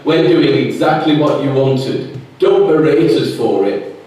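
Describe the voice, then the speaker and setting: A man's voice: mid-range voice, measured pace, dark tone. A man, mocking and heckling in scripted stage banter. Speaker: stage performer. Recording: echoey live stage from a distance.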